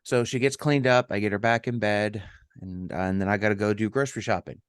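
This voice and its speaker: A middle-aged man with a low voice recounts a personal story for a podcast, stopping and restarting often with ums. The sound is close and dry, with almost no room around it. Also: steady tone, clean tone, dry recording. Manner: halting, with many ums and restarts. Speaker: podcast co-host.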